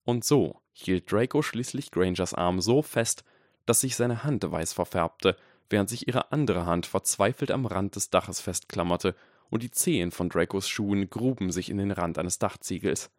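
A man narrating a fantasy audiobook chapter in an expressive, dramatic storytelling manner. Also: sits low, moderate pace, no room sound, studio quality. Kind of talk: scripted narration.

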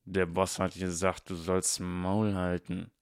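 A man voicing a dim, thuggish boy henchman who grumbles slowly. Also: sits low, completely flat delivery, clean tone, no room sound, clean studio sound. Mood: grumbling. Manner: grumbling, slow.

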